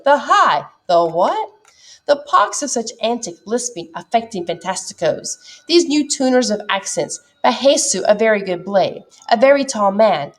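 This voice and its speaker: Woman, dramatic reading, plays every part, teacherly explanations. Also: fairly high pitch. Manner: reads every part herself, shifting between characters.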